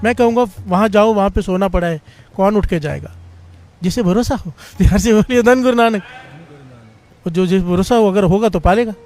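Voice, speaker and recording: A man with a high-pitched voice delivers a devotional Sikh sermon. He tells his story earnestly and keeps urging the congregation to call out praise. Faint devotional music plays softly behind him. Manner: earnest storytelling, quotes scripture in a slow chant. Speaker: Sikh preacher giving katha.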